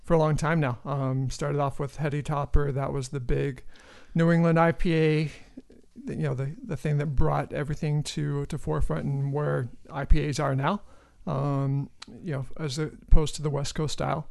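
A man's voice: on the high side, flat delivery, normal speed, gravelly, a little mellow. A young man co-hosting a podcast, chatting casually and enthusiastically into a studio mic. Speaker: podcast co-host. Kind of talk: casual chat.

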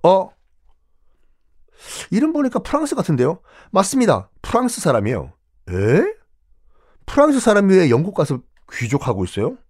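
A man's voice: high voice, huge pitch swings, moderate pace, long pauses, a little mellow. A man hosting a history podcast, telling stories in a conversational way and asking and answering his own questions. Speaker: history storyteller podcast host. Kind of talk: animated history storytelling.

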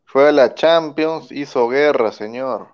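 A man's voice: medium pitch, slow pace, clean tone, lo-fi sound. A man debating sport casually as a panelist, argumentative and repeating his phrases. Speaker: talk show panelist.

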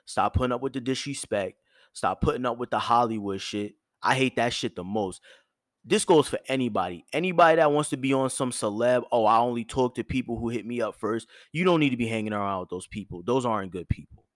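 A man hosting his own show, giving blunt, profane dating advice in a firm yet soft tone, with features. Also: mid-range voice, expressive, fairly quick, no echo, studio quality. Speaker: host. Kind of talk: direct advice monologue.

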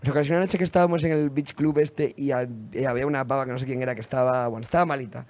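A man's voice: mid-range voice, steady tone, rapid-fire, a little mellow. A young man with a Spain Spanish accent in casual podcast chat, emphatic and swearing for emphasis.

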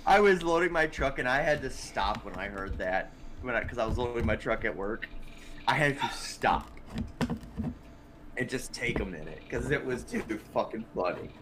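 A man's voice: medium pitch, lively intonation, normal speed, background noise. A man co-hosting a casual podcast, telling rambling stories full of swearing. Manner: profane, rambling storyteller. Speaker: podcast co-host.

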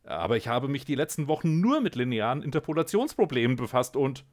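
A man's voice: lowish voice, moderate pace, natural voice. A man voicing a panicky, trembling male scientist in a storybook reading, his voice raised and strained. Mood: agitated.

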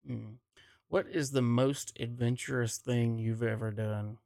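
A man with a gravelly, fry-laden voice at an everyday pitch, chatting loosely on a podcast. He jokes, laughs a lot and reads out comments from the chat. The sound is dry and close. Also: fairly even intonation, unhurried, a little mellow, no echo. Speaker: podcast co-host. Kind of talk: casual chat.

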